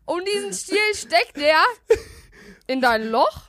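A woman's voice: extremely high pitch, big pitch swings, slow, a bit bright, dry recording. A young woman co-hosting a podcast in casual chat, blunt and slangy, quoting people in her stories. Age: young adult. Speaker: podcast co-host.

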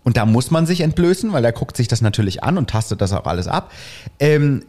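Speaking briskly at a medium pitch, a man shares a long personal story in casual conversation. He brings it to life by imitating how each person in it sounded.

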